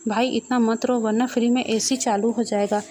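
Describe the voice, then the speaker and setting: A goofy scaredy young guy cracking silly jokes, read out by a woman in her own slightly high voice in a spoken storybook. faint hiss sits under it and the delivery stays close to plain narration. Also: flat delivery, normal speed, mellow, lightly acted. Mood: joking. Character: jokey cowardly young man, wisecracking.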